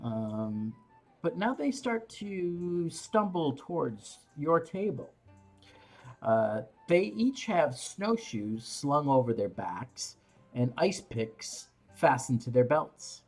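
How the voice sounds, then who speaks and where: A game master narrating a tabletop game in a halting way, pausing between phrases. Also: medium pitch, big pitch swings, a little mellow, soft background music.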